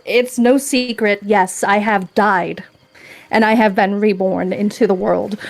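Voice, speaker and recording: A woman's voice: medium pitch, lightly acted. A woman playing a solemn, righteous female protector returned from death in a tabletop game, speaking in earnest declarations.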